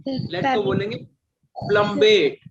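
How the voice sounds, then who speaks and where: In an unhurried chemistry lesson, a man with a high voice repeats material and quizzes his students, addressing them as "beta." The classroom recording is dull and lo-fi.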